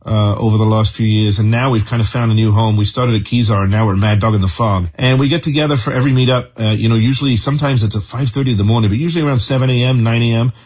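Fast-talking English man in his fifties. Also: medium pitch, fairly even intonation, darkish tone, breathy edge, lo-fi sound. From northern England. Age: 50s. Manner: enthusiastic, rapid and chatty. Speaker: football supporters club member. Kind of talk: interview answers.

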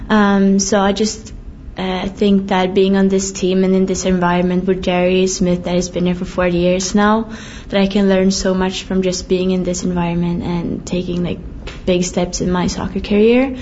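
Brief: young Swedish student athlete, steady flat delivery, lots of "uh" and "like". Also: female voice, fairly low pitch, normal speed, dull audio, slight background noise. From Sweden. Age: young adult. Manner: hesitant, many fillers. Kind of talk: interview answers.

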